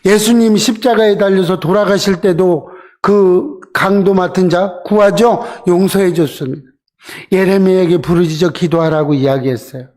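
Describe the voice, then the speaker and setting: A man's voice: high voice, moderate pace, a little mellow. A middle-aged male pastor preaching a sermon, often asking the congregation questions and acting out quoted lines. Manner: asks the congregation questions, answers with "그죠?"; voices Bible figures in quoted lines.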